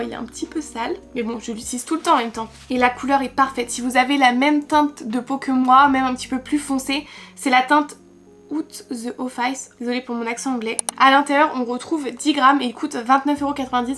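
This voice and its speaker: A young French woman with a high, slightly bright voice reviews makeup in a vlog. She's chatty and enthusiastic, speaking straight to her viewers.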